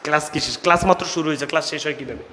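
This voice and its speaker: A young male tutor runs a live online grammar class, quizzing his students and nudging them along like an older brother. His voice sits a little high. The room rings with a long, echoey reverb. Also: pushed and bright. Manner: brotherly, coaxing students with quick questions. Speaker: online admission-test tutor.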